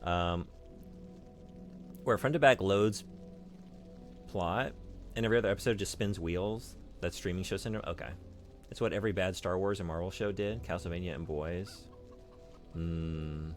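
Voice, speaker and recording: A man's voice: low voice, moderate pace, long pauses, faint music behind. A man streaming a video game, chatting casually and joking with his chat. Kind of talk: casual chat while playing.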